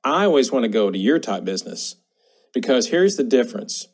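Man, from the American South, co-host, friendly, explains at length, middle pitch. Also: very animated, a little fast. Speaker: podcast co-host, nonprofit president. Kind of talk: casual interview chat.

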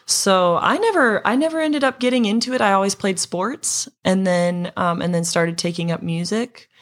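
A woman's voice: medium pitch, moderate pace. A young woman from Montana, a singer-songwriter guest, telling a story in casual chat with many fillers and restarts.

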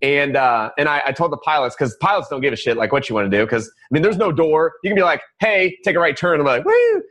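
A man hosting a podcast, telling stories animatedly and acting out quotes with loud whoops. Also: mid-range voice, lively intonation, fast. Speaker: podcast host. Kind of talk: casual conversational interview.

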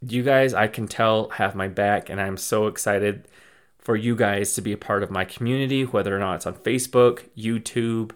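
A man with a slightly low voice talks through a loose, casual update as a podcast host. He rambles, starts over mid-sentence and repeats his thanks in an effusive, grateful way. He is from the southwestern United States. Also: steady tone, moderate pace. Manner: rambling, restarts and repeats phrases. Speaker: podcast host and small business owner.

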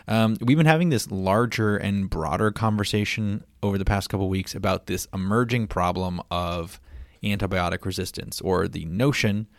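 A man's voice: on the low side, moderate pace, dry recording, clean studio sound. A man hosting a casual science podcast, chatty and playful, with frequent ums and asides. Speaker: podcast host.

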